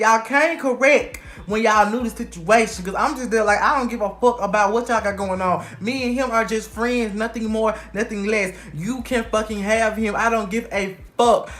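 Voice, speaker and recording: A young man telling a personal story straight to camera in a casual, animated way, swearing freely as he goes. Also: high-pitched. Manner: animated, heavily profane storytelling.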